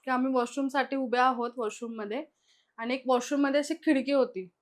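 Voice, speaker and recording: High-pitched and brisk, with fairly even intonation, a young woman guest tells stories from her own life. She keeps things chatty and leans heavily on quoted dialogue, playing the parts of the people she describes.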